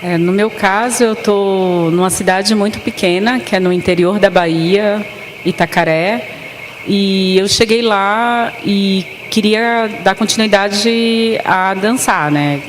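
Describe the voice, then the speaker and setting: A woman's voice: mid-range voice, fairly even intonation, takes it slowly. A woman dancer and festival organizer speaking on a panel, earnestly recounting her experience. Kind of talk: panel discussion. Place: arts center stage. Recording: reverberant hall with faint noise.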